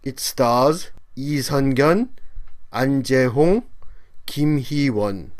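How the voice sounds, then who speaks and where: A man voicing a robot movie-review host, with a robot voice and slow, measured announcer-like delivery. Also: mid-range voice. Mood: stiff. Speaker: show host persona.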